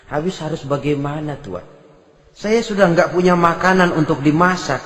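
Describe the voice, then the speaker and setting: A man voicing a poor, desperate mother, speaking soft and plaintive. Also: fairly high pitch, moderate pace, close to an everyday voice. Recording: reverberant hall.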